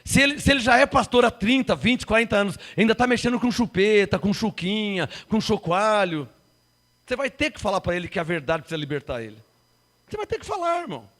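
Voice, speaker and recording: High, bright-voiced preacher man. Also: big pitch swings, a little fast. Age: 50s. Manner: rhetorical questions to the congregation, big swings from loud to hushed. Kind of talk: sermon.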